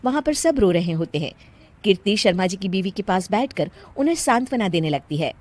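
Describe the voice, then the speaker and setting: A woman narrating a children's cartoon story in a plain storytelling manner. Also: medium pitch. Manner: slow, even storytelling.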